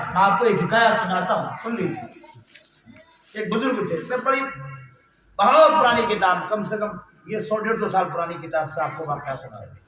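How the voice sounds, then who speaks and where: A man with a very high, bright and forceful voice delivers a sermon at a religious gathering, swinging between fervent shouted verse and a lower storytelling tone. He is heard from some distance in a strongly echoing hall, with faint ambience behind him. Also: a little hiss or hum. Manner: rising into chanted, shouted verse, then dropping to a low telling tone. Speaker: preacher. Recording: echoey hall, voice from afar.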